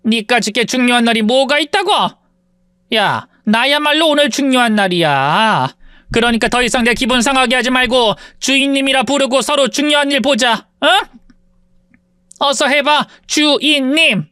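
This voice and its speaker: A woman's voice: moderate pace, no room sound. A woman voicing an arrogant, spiteful rich middle-aged woman who bullies and insults in an audio story, in a dry close recording. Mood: sneering. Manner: sneering, insulting, shrill when shouting.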